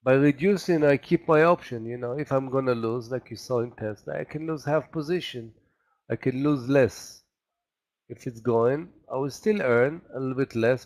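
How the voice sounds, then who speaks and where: A man who isn't a native English speaker works as a day trader and gives casual live trading commentary, thinking aloud haltingly as he trades. His voice is mid-range with a darkish tone.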